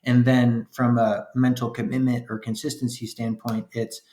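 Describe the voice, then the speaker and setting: A man's voice: medium pitch, little pitch movement, normal speed, mellow, roomy sound. A man in his thirties, a podcast guest, talking earnestly and steadily with plenty of "um" and "right?". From upstate New York. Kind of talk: casual interview chat.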